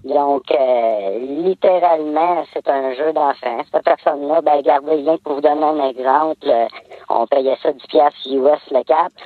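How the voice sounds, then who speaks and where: A middle-aged man with a Quebec French accent phones in anonymously through a voice-disguising filter. He sounds relaxed and sly, chuckling as he talks. The line is tinny and dry, and the altered voice sits a little high. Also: moderate pace, no echo. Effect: electronically disguised voice. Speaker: anonymous caller. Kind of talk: casual confessional phone-in. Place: inside his parked car.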